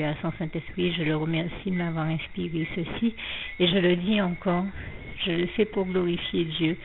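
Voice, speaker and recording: A creaky, lowish female voice works slowly through an anonymous account of her faith, hesitating often, using fillers and restarting sentences, with a slight frog in her throat. The sound is thin and tinny as if over a phone, with faint background noise.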